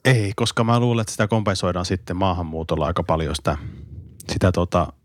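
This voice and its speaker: A man's voice: deep voice, no echo, studio quality. A man co-hosting a casual podcast, a teacher reminiscing in a reflective way and laughing easily.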